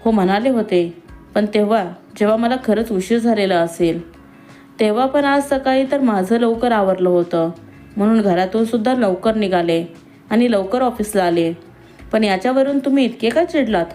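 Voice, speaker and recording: A woman voicing a timid young female employee who speaks softly and nervously, with faint music behind. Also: mid-range voice, normal speed, lightly acted. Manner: soft-spoken, nervous, innocent.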